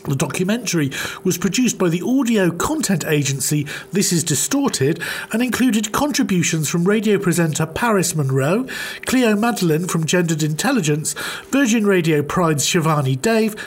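A man reading out a scripted news bulletin on a radio show, with a formal, measured delivery. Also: high-pitched, breathy edge. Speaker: news presenter.

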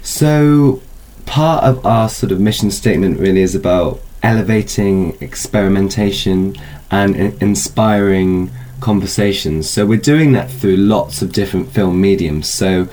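A man with a deep, dark-toned voice, captured on a low-quality recording. He's a film festival organiser appearing as a guest in an informal interview, explaining things in a loose, hedging manner.

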